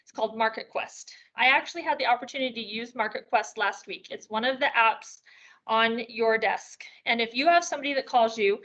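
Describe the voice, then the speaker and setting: A woman's voice: a little high, fairly bright tone, highs cut off. A woman presenting at a real estate sales meeting, upbeat and chatty, a little out of breath, asking rhetorical questions as she walks through tools. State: slightly out of breath.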